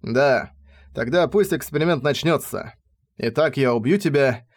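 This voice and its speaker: A man voicing a scheming, cheerful young male spy, calm and amused, in an audiobook reading. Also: mid-range voice, measured pace, lightly acted. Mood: gleeful.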